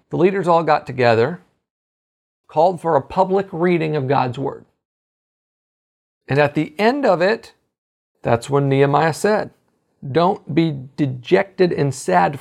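A preacher delivering a sermon, emphatic and exhorting, slowing down on key phrases. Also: medium pitch, creaky.

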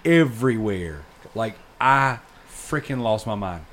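A man in his thirties hosting a podcast, telling a long story in casual chat, rambling and animated with plenty of fillers. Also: fairly low pitch, takes it slowly, crowd noise. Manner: rambling and animated, lots of fillers like dude and freaking. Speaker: podcast host.

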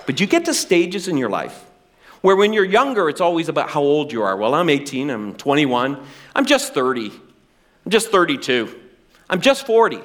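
A middle-aged male pastor preaching a sermon with animated, self-deprecating humor. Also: on the high side, normal speed.

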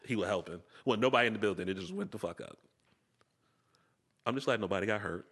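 A man's voice: fairly low pitch, fast, fairly bright tone, husky. A man with an American accent bantering about the news as a podcast co-host, sarcastic, irreverent and given to repeating himself and swearing.

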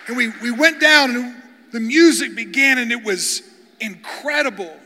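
A male guest pastor tells humorous stories from the pulpit, often stumbling over repeated words as he starts a sentence. His voice sits high and sounds bright and forceful. The large church hall gives it a long, ringing reverb. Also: normal speed, a faint crowd, a little hiss or hum. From Kentucky, USA. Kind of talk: storytelling sermon.

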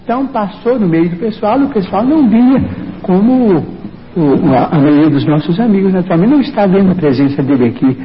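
High-voiced man telling a story in an old broadcast. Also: a little fast, slight background noise. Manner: animated, theatrical storytelling with swings in pitch. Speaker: guest storyteller. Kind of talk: anecdote told on an old TV interview. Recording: dull old TV broadcast in a big hall with an audience. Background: audience.

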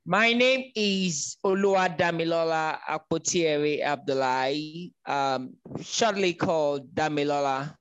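A man's voice: a little high, measured pace, hardly any pauses, fairly bright tone, clean tone, dry recording, lo-fi sound. A man from Nigeria, a guest in a conversational interview, talking with many ums and restarts.

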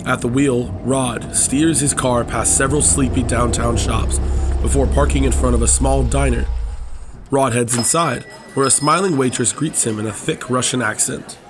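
Animated male podcast co-host narrating. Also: medium pitch, background noise. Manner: animated, quick to laugh. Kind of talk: casual chat and screenplay narration.

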